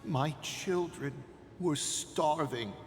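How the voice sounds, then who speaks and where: A man's voice: a little high, very slow. An actor playing a guilt-ridden, pleading father confessing his sins in a fervent, dramatic game performance. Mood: anguished confession. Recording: long hall reverb under loud music.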